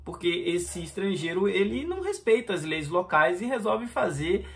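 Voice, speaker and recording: Gravelly Brazilian man reviewing comics. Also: high-pitched, big pitch swings, normal speed. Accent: Brazilian Portuguese. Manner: conversational, frequent fillers and restarts. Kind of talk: casual video review.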